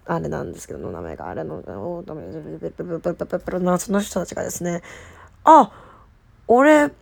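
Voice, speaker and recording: A woman's voice: fairly low pitch, very animated, rapid-fire, gravelly, a little mellow. Female idol host, casual solo talk, heavily fried and nasal from a cold, childlike playful phrasing. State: slightly stuffy nose. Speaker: idol group member hosting her solo talk show. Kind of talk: casual solo chat to listeners.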